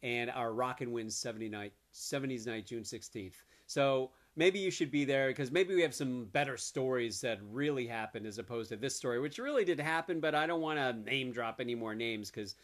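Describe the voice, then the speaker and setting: A man telling a comic tall tale to camera in a deadpan way, jumping up in pitch when he quotes people. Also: normal speed, hardly any pauses. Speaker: comedic storyteller.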